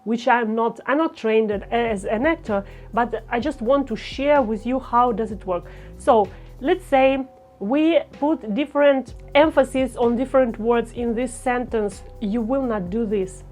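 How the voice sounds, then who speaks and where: A woman speech coach talking to camera, with a careful, deliberate delivery and phrasing. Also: a little high, darkish tone, soft background music. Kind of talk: instructional talk to camera.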